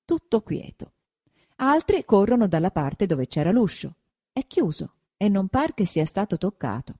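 A woman giving an expressive, dramatic audiobook reading of a classic novel. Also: medium pitch, normal speed, slightly rough. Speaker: narrator.

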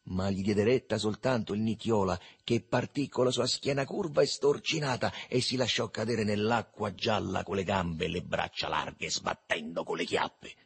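A man narrating a novel as an audiobook, reading in an expressive, animated way. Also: on the low side, moderate pace, gravelly, few pauses, breathy edge.

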